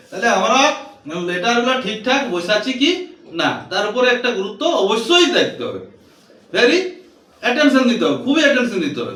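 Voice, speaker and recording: High, bright-voiced man teaching English. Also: echoey room, far from the mic. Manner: patient, spells words out letter by letter and asks the viewer questions. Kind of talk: English lesson video explained in Bengali.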